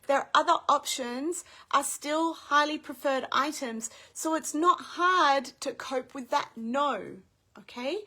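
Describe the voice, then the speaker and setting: A woman's voice: sits high, a bit bright. A woman parent coach teaching in a live video, upbeat and explaining step by step.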